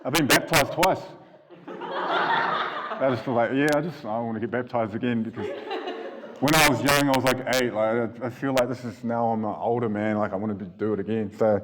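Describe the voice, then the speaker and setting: A man's voice: medium pitch, sing-song, normal speed, crowd noise. Chuckling New man telling his testimony. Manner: casual storytelling with frequent chuckles. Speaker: church speaker giving testimony. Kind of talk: personal testimony talk to a congregation. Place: church hall before an audience. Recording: long hall reverb in a church.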